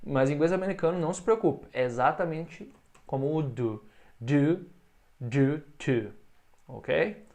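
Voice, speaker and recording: Man teaching English, slow repeated phrases. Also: fairly high pitch, lively intonation, darkish tone. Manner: explains in Portuguese, models English phrases slowly for repetition. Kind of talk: recorded online English lesson.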